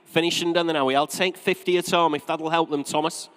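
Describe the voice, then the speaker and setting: British man, auctioneer calling bids, higher-pitched voice, repetitive formal patter, bantering asides, long hall reverb. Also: fairly even intonation, a little fast, fairly bright tone, clear, resonant tone. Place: large auction saleroom.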